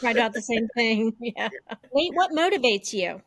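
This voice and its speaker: A woman's voice: a little high, lively intonation, moderate pace. A woman hosting a podcast interview, asking questions and affirming the answers. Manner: encouraging, affirming. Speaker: podcast host.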